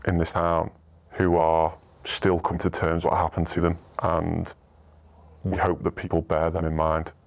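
Man, disguised voice, electronically pitched down, very deep, flat delivery, earnest news interview. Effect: voice disguised, electronically lowered. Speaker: interviewed parent.

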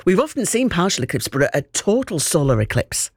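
A man's voice: sits high, big pitch swings, a little fast, slightly rough, dry recording, studio quality. A British man presenting on radio, interviewing in a casual, chatty, informal and jokey way.

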